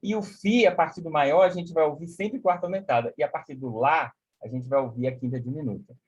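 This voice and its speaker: Husky man teaching music on a video call. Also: a little high, fairly quick, lo-fi sound. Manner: explains warmly with many "né?", sings solfège syllables. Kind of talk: live online music lesson.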